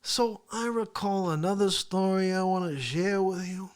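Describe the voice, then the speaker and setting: A performer playing a brash, boastful male talk-show host who rambles through a comedy rant, swinging between loud yelling and hushed asides. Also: mid-range voice, normal speed, lightly acted. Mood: rambling, boastful. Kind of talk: comedic character monologue.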